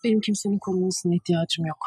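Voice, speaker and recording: An actress playing a defiant young woman who talks quickly and defensively, in a TV drama. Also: lowish voice, steady tone, a little mellow, husky, dry recording. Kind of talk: TV drama acting.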